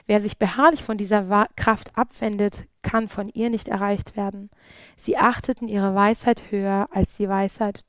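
A woman's voice: mid-range voice, no room sound. An earnest woman preaching through a Bible passage, stopping often on fillers and restarts. Her voice sits in a middle range and the recording is dry and close, with no room sound. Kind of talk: Bible study sermon.

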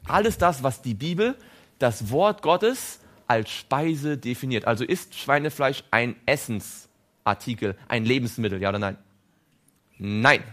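Animated man preaching a sermon. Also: medium pitch, unhurried. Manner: animated, asks audience questions.

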